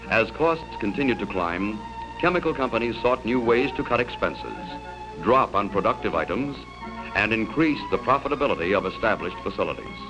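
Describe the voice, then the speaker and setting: A man narrating an old 1960s newsreel in a formal announcer style, with a newsreel sound. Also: poor audio. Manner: formal announcer delivery, lively pitch.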